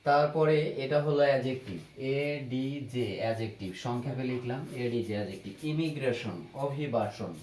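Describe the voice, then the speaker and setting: A male teacher giving a slow vocabulary lesson, spelling out each word letter by letter and repeating it patiently for his students. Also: mid-range voice, a little mellow. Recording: echoey room, faint background noise.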